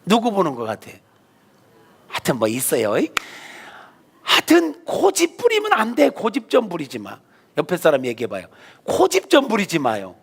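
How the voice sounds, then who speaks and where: Lively, high-voiced preaching man. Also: moderate pace, gravelly, long pauses, husky. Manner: colloquial storytelling, playful and emphatic. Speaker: pastor. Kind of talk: sermon.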